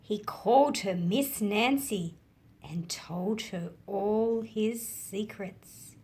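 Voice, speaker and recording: This Australian read-aloud host has a medium-pitched, darkish, husky voice. She tells children stories, explains them in simple, measured phrases, and poses questions to her listeners.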